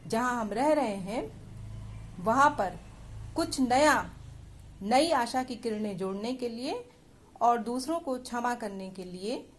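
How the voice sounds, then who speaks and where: Slow, patient Indian woman teacher. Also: a little high, slight background noise. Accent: Indian English. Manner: slow, patient explaining, switching between Hindi and English. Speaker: school English teacher. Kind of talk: classroom lesson explaining a poem.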